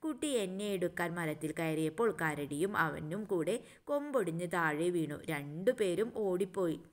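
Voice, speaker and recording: A woman's voice: on the low side, animated, unhurried. A woman voicing a kite caught in a tree, telling its story in a storybook dialogue for children, close to her own teaching voice. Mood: plaintive. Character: kite stuck in a tree, upset.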